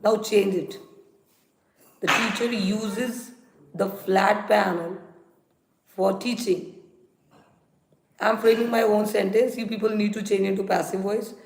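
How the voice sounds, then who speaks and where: A woman's voice: medium pitch, fairly even intonation, slow, vocal fry, long pauses. A woman with an Indian accent teaching English grammar on a live stream, instructive and repeating examples and rules for her students. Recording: roomy echo, faint noise and clicks.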